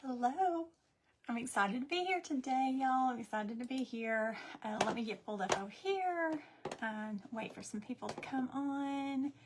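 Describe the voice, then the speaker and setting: Woman host, bubbly and chatty, slightly high voice, casual craft live-stream talk from home. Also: normal speed, noisy background. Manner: chatty and excitable, greeting viewers by name.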